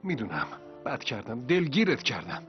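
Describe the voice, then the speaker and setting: A man's voice: mid-range voice, sing-song, natural voice. An actor playing a placating, apologetic young man in a dubbed TV drama. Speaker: son of the household. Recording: dull lo-fi TV audio with music.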